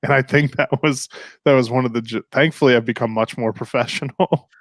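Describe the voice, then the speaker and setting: A podcast host speaking in easy, joking conversation, quick to tease and to laugh. His pitch is middling for a man, and the room adds almost nothing, so the sound stays dry and close. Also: steady tone, no echo. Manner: joking, teasing, laughs often. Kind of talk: casual chat.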